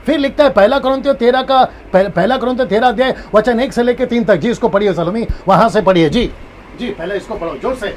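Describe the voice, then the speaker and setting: A man's voice: high voice, fast talker, darkish tone, a little hiss or hum. A man preaching as a pastor in a live-streamed Bible teaching, who repeats his key points and acts out different tones of a phrase.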